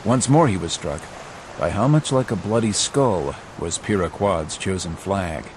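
A man narrating a scripted adventure audiobook in a measured, dramatic storytelling manner. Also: low-pitched, expressive, noisy background.

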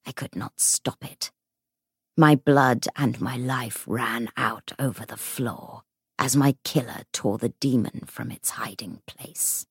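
A woman voicing the murdered ghost of a bitter male warlock, with a hollow, hissing voice and a slow, brooding delivery. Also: a bass voice, creaky, breathy edge, no echo, studio quality, pitched below the performer's own voice, heavily acted. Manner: slow, brooding, sinking to a whisper.

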